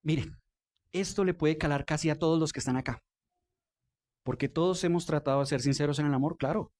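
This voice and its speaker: A man's voice: a little high, a little fast, darkish tone. A man with a Colombian Spanish accent preaching a sermon in a church, speaking conversationally and asking the congregation questions. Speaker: pastor.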